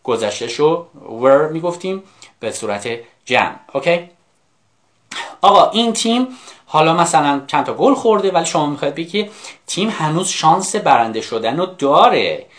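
A man giving a live online English lesson, repeating phrases slowly, spelling words letter by letter and often checking in with "okay?". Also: a little high, expressive, a bit bright. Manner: coaxing, often asks "okay?". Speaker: English teacher.

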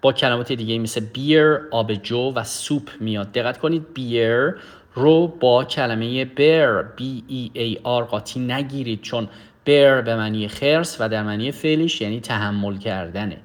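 A man teaching English vocabulary in a recorded lesson, saying each English word slowly and then translating it. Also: medium pitch. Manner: explains slowly, says English words deliberately and translates each one.

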